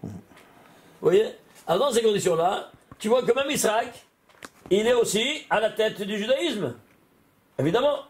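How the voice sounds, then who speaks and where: A man, a rabbi, giving an animated Torah lesson, often exclaiming and putting questions to his listeners. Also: sits high, moderate pace, pauses often.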